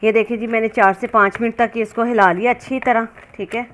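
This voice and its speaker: Walking viewers through a recipe step by step, a woman who runs a cooking channel speaks casually and instructively. Her voice is a little high, steady, brisk and fairly bright, and kitchen background noise comes through clearly.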